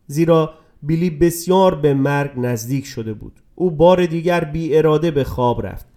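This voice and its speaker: A man narrating a dramatic story in a scripted reading, dropping to a hush and rising with emotion. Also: a little high. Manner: dramatic, swings between hushed and raised voice.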